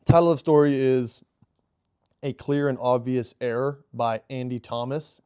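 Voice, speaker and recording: A male podcast co-host chatting casually outdoors by a campfire. His voice is mellow and dark, and he rambles with frequent restarts. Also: medium pitch, steady tone, moderate pace, smooth. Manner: rambling, lots of restarts and laughs. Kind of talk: casual chat.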